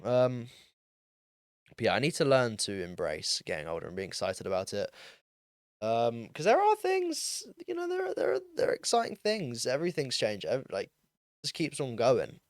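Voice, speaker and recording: A young man in his late teens talks to himself on his own podcast, wandering from thought to thought with plenty of ums and likes. His voice is smooth and clear at a middling pitch, and the close mic leaves it dry with no room sound. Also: wildly swooping pitch, normal speed, no room sound. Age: young adult, turning twenty. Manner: rambling, self-deprecating, many ums and likes. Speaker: podcast host. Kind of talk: casual solo monologue.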